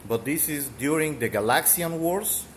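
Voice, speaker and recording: In a slightly high, animated voice at a moderate pace, a Mexican streamer chats loosely about his game, dropping fillers and coughing once in a while. He speaks with a thick Mexican Spanish accent, Spanish being his first language, over slight background noise.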